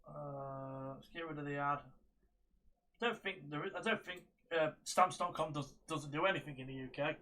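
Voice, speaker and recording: A man reacts casually and bluntly to what he is watching. His voice is high, bright and forceful, in an offhand commentary style. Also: moderate pace, low-quality recording. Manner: blunt, swearing. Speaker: reaction video host.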